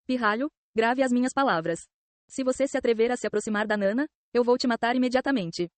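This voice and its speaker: A woman's voice: on the high side, fast, no echo, close to an everyday voice. Jealous, hot-headed young man, read by a woman, Brazilian accent, dry close sound. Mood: threatening. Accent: Brazilian Portuguese. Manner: threatening, angry.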